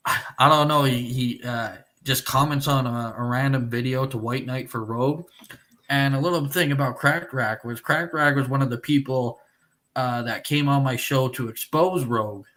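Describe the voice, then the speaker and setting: A man hosting a live stream, chatting casually and bluntly with a guest, swearing often and filling pauses with "uh". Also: mid-range voice, fairly bright tone. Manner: blunt and profane, with frequent filler words. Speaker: livestream show host.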